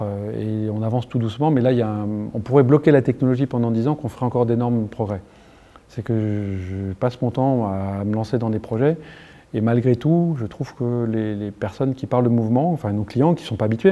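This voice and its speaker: A middle-aged French man answering interview questions in a halting, earnest way, with many restarts and fillers. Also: medium pitch, warm tone. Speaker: motion capture engineer being interviewed.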